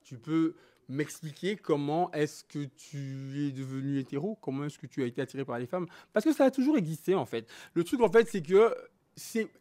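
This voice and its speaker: A man born in Belgium and raised in Congo, telling his own story as a guest in a candid interview, talking in an animated, emphatic way. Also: fairly high pitch, normal speed. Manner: animated, emphatic, switching between French and Lingala.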